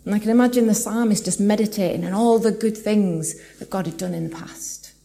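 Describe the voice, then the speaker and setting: A woman preaching a sermon in a church, earnest and reflective, slowing down to read scripture aloud. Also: mid-range voice, gravelly, dark tone. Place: church hall with live audience.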